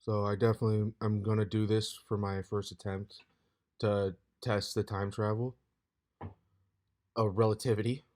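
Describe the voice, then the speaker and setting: Hoarse rambling man in his twenties. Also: fairly low pitch, little pitch movement, moderate pace, pauses often, a little mellow. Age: 20s. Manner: loose and meandering, saying "dude" constantly. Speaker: vlogger. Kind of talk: rambling casual vlog.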